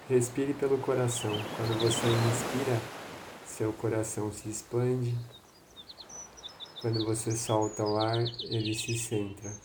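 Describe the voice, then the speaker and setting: A man with a Brazilian accent leading a guided meditation in a slow, soothing manner, with long pauses. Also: medium pitch, background noise.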